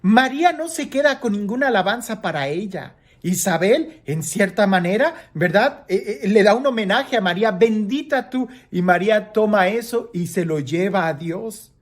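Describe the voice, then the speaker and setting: A priest giving a daily homily with impassioned preaching, his voice swinging up and down and slowing to lift the words of scripture. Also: animated. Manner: impassioned preaching, pitch rising and falling widely; slows and lifts his voice for scripture quotes.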